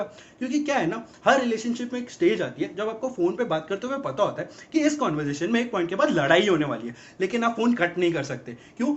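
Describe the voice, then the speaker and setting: An actor playing an exasperated young man in a rapid-fire, mocking film comedy monologue about girlfriends. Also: high voice. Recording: dull lo-fi film audio.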